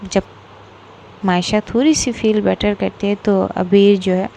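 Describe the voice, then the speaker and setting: A woman's voice: mid-range voice, fairly even intonation, measured pace, gravelly, dark tone, a little hiss or hum. A woman from Bangladesh with a Bengali accent, narrating a serialized romance story in a casual, filler-heavy way.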